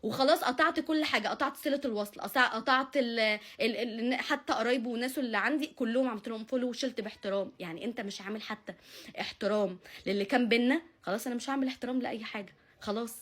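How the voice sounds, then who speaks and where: A woman's voice: a little high, rapid-fire. A young Egyptian woman speaking heatedly and indignantly to camera, often repeating her phrases. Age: young adult. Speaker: vlogger. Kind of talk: angry personal confession to camera.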